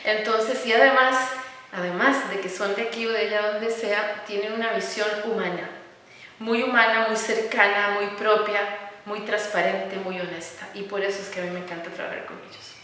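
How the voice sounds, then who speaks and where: A middle-aged woman with a Costa Rican Spanish accent, speaking earnestly as an interview guest, often pausing on fillers and repeating words. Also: mid-range voice, fairly even intonation, a little hiss or hum. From Costa Rica. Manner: earnest, warm about children, many fillers and repeated words. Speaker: architect and educator, interview guest. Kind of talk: conversational interview. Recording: echoey room, recorded from some distance.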